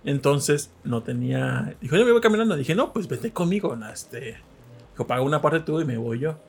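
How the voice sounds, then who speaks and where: A man's voice: mid-range voice, normal speed, creaky, slightly rough. A man with a Mexican accent, hosting a casual podcast chat and telling stories while acting out the people he quotes. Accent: Mexican Spanish. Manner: animated storyteller, acts out quoted voices. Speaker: podcast host.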